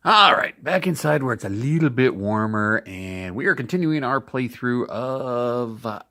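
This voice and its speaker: A middle-aged man from Denver casually talking through a tabletop wargame playthrough, thinking aloud in a relaxed, rambling way. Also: medium pitch, a little slow. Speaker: board game video host.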